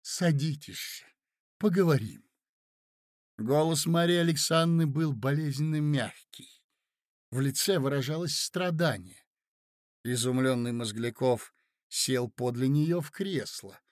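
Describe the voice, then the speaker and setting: A man reading classic literature aloud as an audiobook, in steady, even narration. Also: mid-range voice, measured pace, dry recording, clean studio sound.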